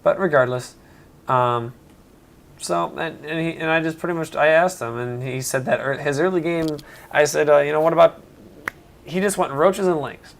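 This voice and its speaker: A man's voice: a little high, normal speed, vocal fry, a bit bright, slight background noise. A man casually commentating his own strategy game match, rambling and often correcting himself. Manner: rambling, self-correcting, chatty.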